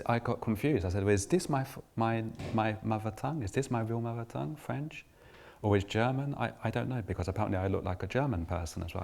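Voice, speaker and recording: An invited speaker, this middle-aged Englishman reflects aloud in a personal talk to his audience, often breaking off to restart sentences and using fillers. His voice is fairly low, gravelly and darkish.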